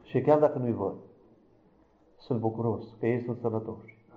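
A male preacher delivering a heartfelt testimony sermon straight to his congregation. His voice sits at an ordinary middle pitch. It rises into loud, fervent calls and then drops to hushed, near-whispered lines. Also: phone-quality sound. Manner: addresses the congregation directly.

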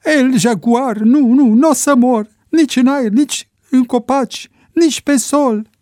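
A man's voice: high voice, animated, a little mellow, husky, no room sound, clean studio sound, pitched above the performer's own voice. A man voicing a panicked male bush pilot who cries out frantically, with Spanish exclamations, in a storybook reading. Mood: frantic.

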